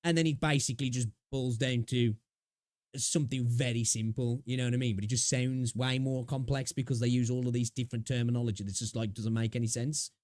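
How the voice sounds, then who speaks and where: A man's voice: medium pitch, steady tone, fairly quick, a little mellow. A man giving casual, rambling reaction commentary on a game video, repeating himself and adding tag questions.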